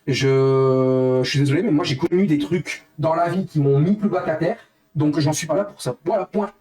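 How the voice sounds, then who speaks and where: Young male streamer, upset and venting to viewers, voice sits a bit high. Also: normal speed, a little mellow. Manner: heated, repetitive, addresses chat as guys. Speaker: livestreamer. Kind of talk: angry live stream rant to chat.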